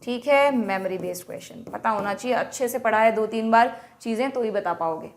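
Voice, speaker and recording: A woman with an Indian accent and a bright, high voice teaches an exam paper walkthrough. She talks briskly and keeps turning to her students with quick checking questions. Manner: brisk, explains and quizzes students.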